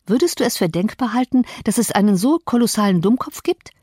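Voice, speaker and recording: A woman's voice: medium pitch, expressive, a little fast, warm tone, breathy edge, no room sound, clean studio sound, pitched above the performer's own voice. A woman voicing a sickly, sneering teenage boy in an audiobook, with a mocking, prissy manner.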